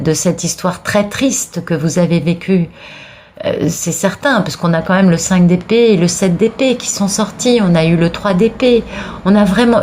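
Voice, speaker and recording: Sneezing through a cold, a woman reads tarot cards for her viewers with a lowish, slightly mellow voice against slight background noise. Her tone is encouraging, though she keeps restarting and repeating herself.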